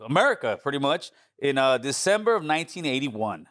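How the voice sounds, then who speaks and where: A man in his forties, born in Honduras, telling his life story as a podcast guest in a laid-back street manner that turns animated when he quotes people. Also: mid-range voice, a little fast, no echo, clean studio sound. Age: 40s. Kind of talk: casual storytelling interview.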